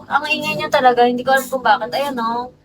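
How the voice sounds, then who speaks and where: A young woman hosting a livestream, hoarse, teasing her viewers and quickly laughing off her own remarks with apologies. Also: high voice, steady tone, a little hiss or hum, low-quality recording. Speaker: livestream host. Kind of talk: casual livestream chat with viewers.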